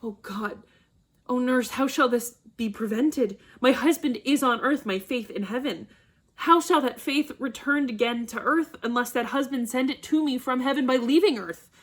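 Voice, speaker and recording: Brief: woman voicing a young teen daughter, soft and pleading, play reading. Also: sits high, normal speed, slightly rough, voice pushed up.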